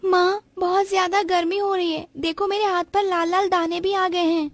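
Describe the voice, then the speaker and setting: A woman's voice: extremely high pitch, level tone, moderate pace, no echo. A woman voicing the curious young daughter of a poor vegetable seller, in a childlike, chatty way.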